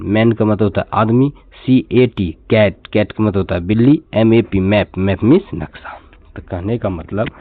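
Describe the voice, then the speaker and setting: A man's voice: lowish voice, no room sound. A man teaching an English pronunciation lesson, patiently repeating each word and asking the class to say it back. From India. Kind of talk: classroom lesson, explaining step by step. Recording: tinny phone-like dry sound.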